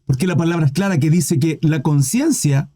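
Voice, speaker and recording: A man's voice: on the high side, fairly quick, dark tone. A man preaching a sermon with fervent, questioning delivery, often calling listeners "brother".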